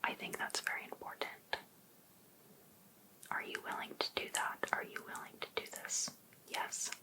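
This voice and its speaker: A woman's natural voice carries an ASMR roleplay in which she plays an obsessive, sweetly pushy life coach. She whispers breathily, coaxing and deliberate.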